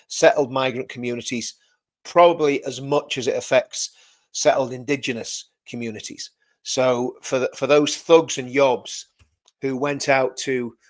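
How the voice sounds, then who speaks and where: Addressing his viewers head-on, a man runs a casual livestream in a loud, mid-range voice. His talk wanders, with repeated words and frequent self-corrections.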